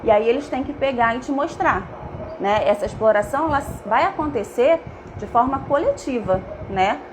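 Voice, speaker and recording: High-voiced Brazilian teacher talking to viewers. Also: female voice, expressive, normal speed, noisy background. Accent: Brazilian Portuguese. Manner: addresses viewers as "gente", checks in with "né?" and "tá?". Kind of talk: live online teaching talk.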